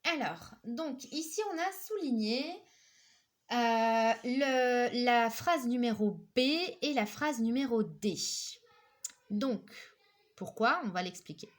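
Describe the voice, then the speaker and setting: A woman leads a recorded grammar lesson at an unhurried pace. Her voice sits a little high, and she explains step by step. She keeps checking that her listeners follow along. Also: expressive. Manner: patient, repeats "ok?" and "d'accord?"; slow, careful explanation with many fillers. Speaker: teacher.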